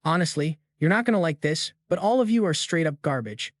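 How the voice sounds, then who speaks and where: Man doing a cold young fighter, calm, contemptuous, slightly high voice. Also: fairly quick, no echo, clean studio sound, natural voice.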